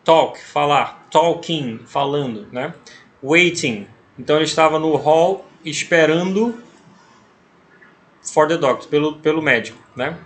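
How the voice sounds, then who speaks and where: Slow, patient Brazilian man teaching English. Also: fairly high pitch, a bit bright. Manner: slow and patient, with frequent checking tags. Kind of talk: explaining a text as an English lesson.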